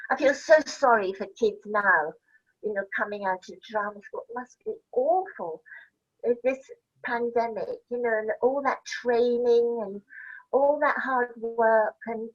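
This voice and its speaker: A woman's voice: a little high, dull audio. An older woman from Scotland, an actress telling rambling, laughing anecdotes as an interview guest. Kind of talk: casual chat.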